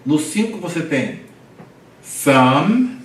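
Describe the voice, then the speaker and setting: A man leads a reading drill in an unhurried, deliberate way, sounding out syllables one at a time. He sits well back from the microphone in a roomy space, with a faint ambient hum behind him. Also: medium pitch, expressive. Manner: patient, spells out syllables and asks for repetition. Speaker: Hebrew teacher. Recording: roomy echo, distant mic, faint ambience.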